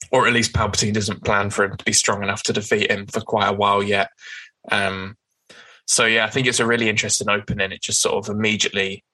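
A man's voice: fairly low pitch, sharp tone, low-quality recording. A man co-hosting a podcast, chatting casually about comics with frequent fillers. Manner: chatty, with many fillers and hedges. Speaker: podcast co-host.

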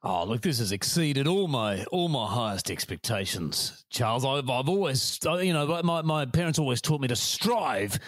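A man's voice: medium pitch, animated, normal speed, hardly any pauses, dry recording, studio quality. A man with an Australian accent in casual comedic co-host chat, hesitant and tongue-in-cheek. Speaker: podcast co-host.

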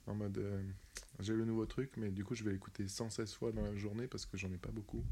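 A young man talks in a laid-back, slangy way on a casual podcast, his voice somewhat low. He keeps things loose and conversational, dropping in little tags as he goes. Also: little pitch movement, fairly quick, mellow, husky. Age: 20s. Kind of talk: casual chat.

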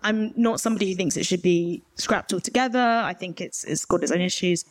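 A woman's voice: lowish voice, brisk, dry recording, rough recording. Young woman with a modern British RP accent. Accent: modern British Received Pronunciation. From rural Herefordshire, England. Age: young adult. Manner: informal, frank, with emphatic asides. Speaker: journalist guest on a panel. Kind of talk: candid conversational interview answers at a live event.

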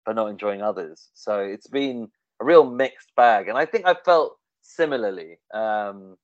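A man's voice: fairly low pitch, lively intonation, unhurried, dry recording. A man talking casually in a discussion, hesitant, with many fillers and restarts. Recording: dull, dry, lo-fi sound.

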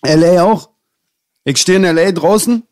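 A man from tells stories as a guest. His talk is loose and full of street slang, and his voice sits a little higher than most men's. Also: moderate pace, background noise. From Berlin. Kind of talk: casual storytelling chat.

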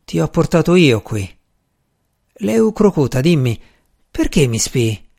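Mad male magician in an audiobook, slow hushed whisper, calm menace; a man plays him. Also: a little high, creaky, heavily acted. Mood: intense.

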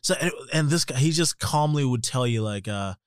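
In a podcast studio, a male co-host rambles through a casual chat, swearing and laughing a lot. His mid-range voice is animated, a bit fast, clear and resonant. The studio-quality recording has no room sound.

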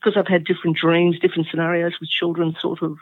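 A woman telling a personal story as an interview guest, earnest and halting with many fillers, on a phone line. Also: lowish voice, flat delivery, breathy edge, dry recording. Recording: tinny phone-like line, dry.

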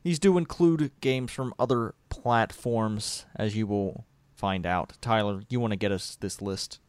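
A man's voice: on the low side, a little slow, smooth, no room sound. A man hosting a casual gaming podcast, leading segments with a teasing, chatty manner. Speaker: podcast host.

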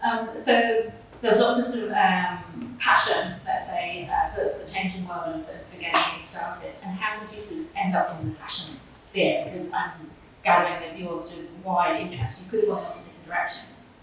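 A woman leads a live interview on stage, her voice a touch low and her questions full of restarts. She sounds far off in a very echoey room, with clear background noise behind her. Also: fairly even intonation, moderate pace. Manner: warm-hosting, questioning with fillers and restarts. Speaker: interviewer and moderator. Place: live event venue before an audience.

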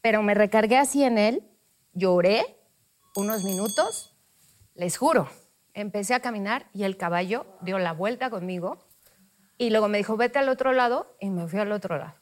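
A woman hosting a casual conversation, telling a lively anecdote and acting out quoted lines. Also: medium pitch, normal speed. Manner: lively anecdote teller, acts out quoted dialogue. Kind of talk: casual chat.

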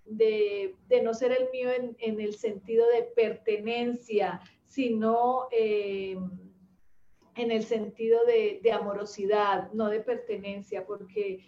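A woman's voice: medium pitch, steady tone, lo-fi sound. Reflective woman in her fifties, echoey. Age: 50s. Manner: unhurried, reflective, with many hesitations. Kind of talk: reflective personal talk. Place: rural home with animals nearby.

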